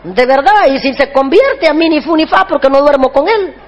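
A woman in her forties preaching a lively, humorous sermon, acting out children's shrieks as she tells stories. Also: high voice, moderate pace, in a large hall, dull audio, a little hiss or hum. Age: 40s. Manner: animated storytelling, acts out children's shrieking voices.

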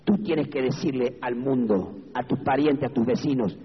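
A man with an Argentine Spanish accent preaching a lively, folksy sermon in a church hall, breaking into high shouted bursts. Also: moderate pace, slightly rough. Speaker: evangelical preacher. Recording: dull echoey hall recording.

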